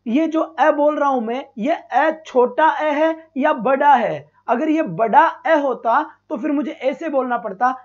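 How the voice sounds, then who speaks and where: A male teacher runs a live online exam-prep class, calling students "beta" and repeating sounds slowly. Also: very high voice. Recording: dull lo-fi stream.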